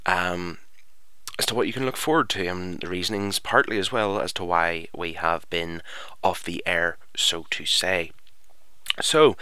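Man, podcast host, casual talk, very clear smooth voice, dry close headset mic sound. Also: sits low, sharp tone, no room sound. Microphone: headset microphone.

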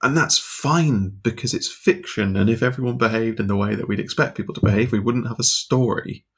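A man co-hosting a casual podcast chat, blunt and dry, quick to argue a point. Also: on the low side, fairly bright tone, breathy edge. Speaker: podcast co-host.

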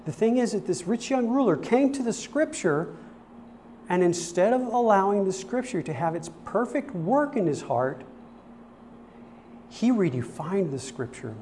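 Earnest preacher guy, kinda high voice, says things twice to drive them home, slow and deliberate. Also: sing-song, a little mellow, a little hiss or hum. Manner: earnest, repeats phrases for emphasis. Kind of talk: sermon.

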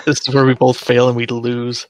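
A man's voice: medium pitch, completely flat delivery, moderate pace, crowd noise. A man playing a tabletop game, making dry, wry remarks. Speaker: player. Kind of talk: casual play chat.

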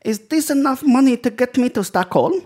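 Man putting on a desperate young woman, high-pitched, broken English, Polish accent. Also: expressive, darkish tone. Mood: pleading. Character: stranded young foreign woman pleading for help.

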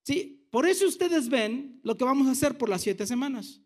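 A man's voice: extremely high pitch, expressive, moderate pace, darkish tone. A man. He asks the congregation questions and teases them with jokes as he explains the text. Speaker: pastor. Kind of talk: sermon to a congregation.

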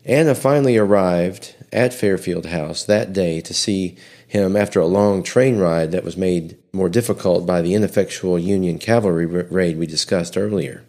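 A man with a fairly low voice narrates history from a script. He reads at an even pace and sometimes restarts a word after a slip. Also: normal speed. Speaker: history podcast host.

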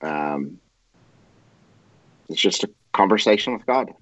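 A man's voice: deep voice, animated, slow, a bit bright, low-quality recording. A man co-hosting a casual podcast discussion, speaking in a plain, brief, understated way. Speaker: podcast co-host.

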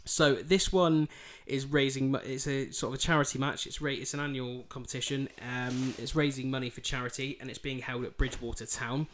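A man's voice: mid-range voice, fairly even intonation, brisk, few pauses, fairly bright tone, a little hiss or hum. Man with a thick Yorkshire accent. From Bridlington, East Yorkshire, England. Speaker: football podcast host. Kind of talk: podcast fixture preview, part scripted, part casual chat.

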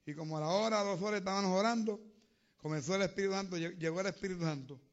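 A man preaching a sermon, telling testimonies and building to loud, fervent preaching. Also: high voice, rapid-fire, muffled recording.

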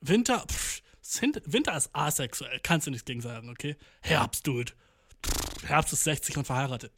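A young man talking in a fairly high voice, reacting to news on stream. He is slangy and profane, sprinkling in English words and putting on mock voices for the countries he talks about. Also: expressive, moderate pace, a bit bright. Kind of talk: casual reaction commentary.

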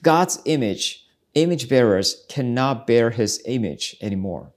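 A man's voice: medium pitch, lively intonation, measured pace. Guy doing a faith podcast, earnest and searching, kinda preachy. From South Korea. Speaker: podcast host, ministry speaker. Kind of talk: reflective devotional podcast talk.

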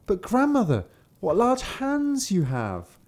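A man voicing an innocent, trusting young girl in a high, sing-song manner. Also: huge pitch swings, slow pace, a little mellow, full character voice. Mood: wide-eyed.

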